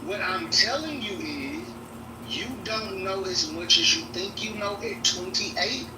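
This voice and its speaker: A man's voice: high-pitched, unhurried. A middle-aged man insistently lecturing a younger man in a casual chat. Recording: echoey room, far from mic, noisy.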